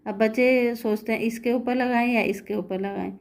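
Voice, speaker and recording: A woman's voice: a little high, steady tone, gravelly, darkish tone. A woman teaching Hindi grammar, explaining patiently and checking understanding with rhetorical questions. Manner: patient, repeating words slowly and asking rhetorical checks. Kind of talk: classroom-style explanation.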